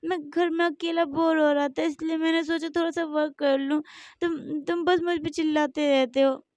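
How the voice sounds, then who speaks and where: A woman's voice: high-pitched, level tone, moderate pace, a little mellow, clean tone, no echo, lightly acted. Woman doing a crying, whiny young man. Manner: whiny, sobbing, broken-off words. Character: tearful young man, moody and clingy.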